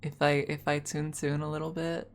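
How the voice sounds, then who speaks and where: Young woman, ASMR streamer, unhurried easy chat, low voice, thinks out loud, swears casually. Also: vocal fry. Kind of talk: casual stream chat, planning a role-play with chat.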